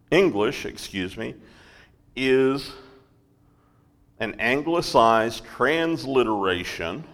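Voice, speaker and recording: Guy teaching a bible class real slow, keeps asking right? okay?, echoey big hall. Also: on the low side, a bit bright. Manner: slow, with frequent "right?" and "okay?" check-ins.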